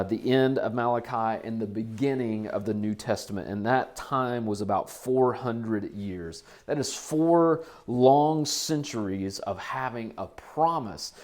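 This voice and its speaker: Forties male pastor, middle-pitched voice, relaxed and conversational from the pulpit. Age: 40s. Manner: conversational, repeats phrases for emphasis. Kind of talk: sermon. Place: church.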